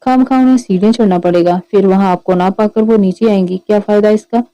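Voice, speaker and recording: A woman voicing a shy, gentle young woman in love who speaks hesitantly. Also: medium pitch, fairly even intonation, fast, no echo, natural voice, low-quality recording.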